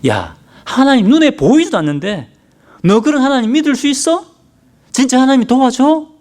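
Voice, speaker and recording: A man's voice: very high voice, big pitch swings, normal speed, a little mellow, voice pushed up. A man putting on a mocking Satan. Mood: taunting. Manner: mocking, goading, talks down to the listener. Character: taunting male Satan, a scornful whispering tempter.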